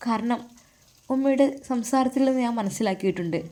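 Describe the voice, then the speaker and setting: A woman reading the lines of a young unmarried man, a gentle and earnest son, with a Malabar Malayalam accent. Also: fairly high pitch, brisk, close to an everyday voice. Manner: soft, earnest, soothing.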